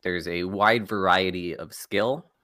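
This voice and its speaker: A man's voice: low-pitched, unhurried, sharp tone, no room sound. A young man, a college esports player, chatting casually as a podcast guest in a laid-back, dry way. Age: young adult.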